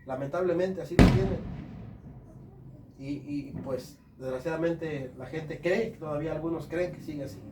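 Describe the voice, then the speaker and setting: A man's voice: fairly high pitch, normal speed, noisy background. A man preaching a fervent sermon at a home service, often calling his listeners brothers. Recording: echoey room, from far off, faint ambience.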